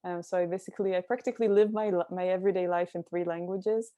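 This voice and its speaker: A woman from Israel, appearing as an interview guest and cultural mentor, talks reflectively in a thoughtful, searching way, often with ums and restarts. Her voice is on the low side and dark, steady in tone, and fast, with no echo.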